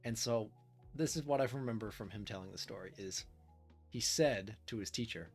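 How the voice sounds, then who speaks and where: A man co-hosting a podcast, telling a story in a relaxed, chatty way and steering the conversation. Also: fairly low pitch, moderate pace. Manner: relaxed storytelling, leads the talk. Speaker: podcast co-host. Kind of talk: casual chat. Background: faint lo-fi music.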